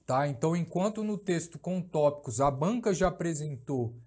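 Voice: mid-range voice, animated, normal speed, a little mellow. A teacher giving a recorded course lecture, explaining step by step, repeating key phrases and checking in with tag questions.

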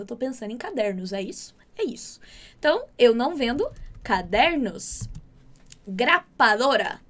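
A woman from Brazil giving a chatty, upbeat Spanish lesson, drilling words slowly and repeating them. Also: fairly high pitch. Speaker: Spanish teacher. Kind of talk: casual online language lesson.

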